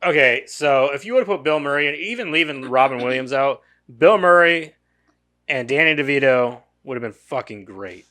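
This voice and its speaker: A man co-hosting a movie podcast, chatting casually in a relaxed, hedging way with some swearing. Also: medium pitch, normal speed. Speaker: podcast co-host.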